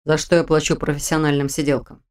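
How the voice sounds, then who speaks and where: A woman's voice: low voice, fairly even intonation, a little fast, darkish tone, clear, resonant tone, voice pushed down, lightly acted. A woman voicing a weak, bedridden male general who grumbles and teases wryly. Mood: grumbling. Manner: grumbling, wry.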